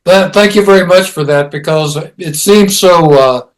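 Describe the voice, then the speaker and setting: An older man hosting a meeting, with a slightly high voice. He talks hesitantly and pauses often between words. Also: low-quality recording. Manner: hesitant, many fillers. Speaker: meeting host.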